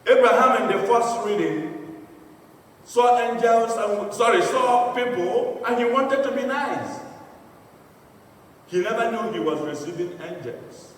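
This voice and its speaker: Male priest preaching, slow and deliberate, far off in an echoing church. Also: very high voice, lively intonation. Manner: storytelling, earnest. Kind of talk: sermon. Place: large church. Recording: echoey church from a distant mic.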